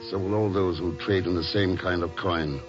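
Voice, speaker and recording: An actor playing a cool, unflappable secret agent in an old radio drama, measured and authoritative. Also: male voice, low voice, fairly even intonation, over music, close to an everyday voice. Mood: grave, confident. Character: cool, unflappable middle-aged male secret agent hero. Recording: noisy, muffled vintage radio recording.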